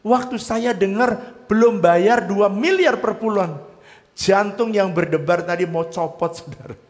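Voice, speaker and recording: A man preaching a sermon as pastor, telling his story with swings between loud and soft delivery. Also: high voice, unhurried. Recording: long hall reverb.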